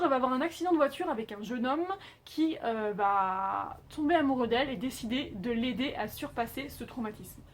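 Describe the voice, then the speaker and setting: A young woman chatting casually as she reviews TV dramas, emphatic, with frequent filler sounds. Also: high-pitched.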